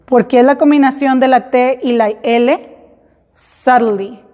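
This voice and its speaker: A woman teaching a class, explaining slowly and repeating example words in English. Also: high voice, fairly even intonation, mellow. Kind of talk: classroom lesson. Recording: hall reverb.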